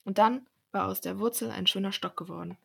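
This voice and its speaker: A woman in her twenties, a student, reading a storybook aloud in a steady narrating voice with occasional small slips. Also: medium pitch, a little fast, creaky, husky.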